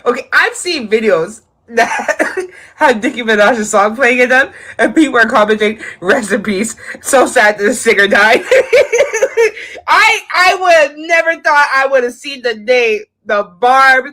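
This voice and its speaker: A chatty, amused woman speaking in a social media clip. Her voice sits somewhat high. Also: animated, a little slow, pushed and bright.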